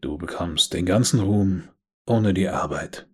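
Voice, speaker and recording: A man voicing a world-weary, amused male devil in an audiobook, speaking in an unhurried, quiet, sly way with a low, husky voice. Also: full character voice. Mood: calm, amused.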